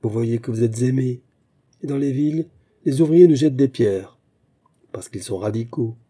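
A man's voice: medium pitch, normal speed, mellow, slightly rough, lightly acted. A man reading the part of a flighty, whimsical young princess in an audiobook, with a light, chattering manner.

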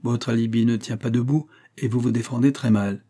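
A man's voice: medium pitch, steady tone, brisk, lightly acted. A man reading aloud, voicing a severe investigating judge who questions curtly and with authority. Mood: stern. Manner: sharp, curt, authoritative. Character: stern male investigating judge, severe and commanding.

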